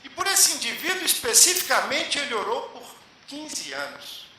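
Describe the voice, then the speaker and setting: This is a lecture in a hall at a public meeting, where a man shares a spiritual tale and pauses with measured emphasis. The voice is high-pitched, very bright, and lively. It resounds through the very echoey room over a light hiss.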